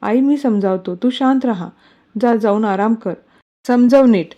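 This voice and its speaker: Calm firm young husband, reassuring tone, read by a woman storyteller, mellow, slightly muffled. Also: a little high, measured pace, close to an everyday voice.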